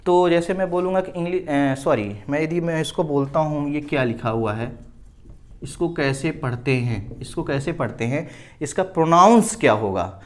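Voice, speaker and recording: Indian man teaching English, higher voice. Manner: explains slowly, repeats words, keeps asking "ठीक है?". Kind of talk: classroom grammar lesson at a board.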